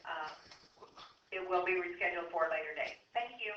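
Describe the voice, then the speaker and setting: Lady on the school intercom, kinda low voice, brisk and businesslike, echoey and muffled from far off, hissy. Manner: brisk, businesslike, with filler uhs. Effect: school intercom loudspeaker. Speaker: school staff making announcement. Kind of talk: intercom announcement to classrooms. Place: classroom, heard over ceiling speaker. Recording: distant, echoey, muffled loudspeaker with hiss.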